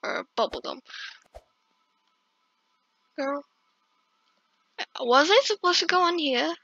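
A woman hosts a gameplay video in a bright, forceful voice with a gravelly creak. She talks slowly and casually, reacting aloud to herself. The close, dry recording sounds a bit lo-fi. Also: high-pitched, expressive, dry recording. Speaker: gaming video host.

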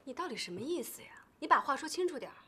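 An actress playing a grown daughter who challenges her parents with sharp, sarcastic retorts in a TV drama. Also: high-pitched, very animated, rapid-fire, heavily acted. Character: bitter young wife quarrelling with her mother. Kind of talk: TV drama acting. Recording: TV drama with music underneath.

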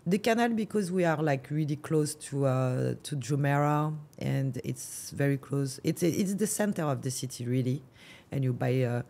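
A woman's voice: rumbling low, normal speed, creaky, mellow. French-accented woman, hesitant broker. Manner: hesitant, many fillers and restarts. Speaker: real estate agent. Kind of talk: casual interview.

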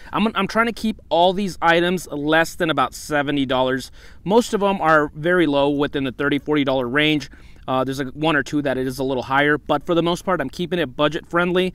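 A man's voice: on the high side, fairly bright tone, clear, resonant tone, dry recording. A young man hosting an outdoor vlog in the desert, talking casually about gear and often saying "once again" and "you know". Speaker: outdoor channel host.

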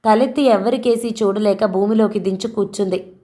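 A woman's voice: mid-range voice, fairly even intonation, normal speed, mellow. Woman reading a story aloud. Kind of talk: scripted audio story narration.

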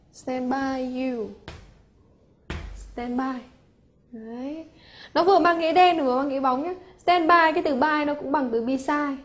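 A woman with a Hanoi accent teaching English prepositions for an exam, explaining step by step and often asking if her students follow. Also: high voice. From Vietnam. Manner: explains step by step, asks rhetorical checks. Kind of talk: exam-prep grammar lesson.

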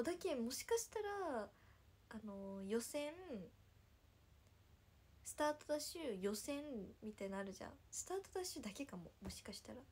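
Young woman w/ nagasaki dialect, high bright voice, chatty and giggly, just hanging out on a livestream. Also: gravelly, slightly rough. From Nagasaki, Japan. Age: 20s. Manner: bubbly, chatty, often laughing. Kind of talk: casual livestream chat with viewers.

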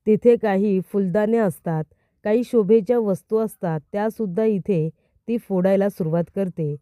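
A woman narrating an episode recap in a steady storytelling way, often speaking directly to the viewers. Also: medium pitch, normal speed, no echo, clean studio sound.

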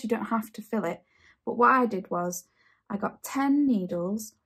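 A woman in her thirties from England hosts a casual sewing tutorial from her home sewing room, speaking in a mid-range, husky voice with a darkish tone. As a sewing channel host she is chatty and enthusiastic and tends to repeat phrases.

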